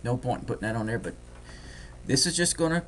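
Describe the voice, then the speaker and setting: A man with a Deep South accent, talking fast and folksy through a screen-recorded trading software tutorial. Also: expressive, a little hiss or hum. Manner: folksy, talks fast while clicking.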